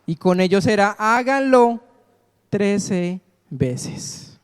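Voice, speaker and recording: A man's voice: high-pitched, animated, extremely slow, clear, resonant tone. A man preaching a sermon in a church, repeatedly asking the congregation to call out the missing word. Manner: call-and-response, asks congregation to fill in words. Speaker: pastor. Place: church sanctuary. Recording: long reverb of a church hall.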